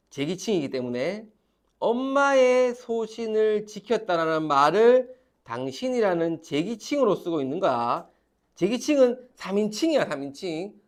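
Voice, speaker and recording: A man lectures a classroom on grammar, repeating each key term with emphasis. His pitch swings widely as he talks. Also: fairly bright tone. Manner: emphatic, repeats key terms, calls on students. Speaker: teacher.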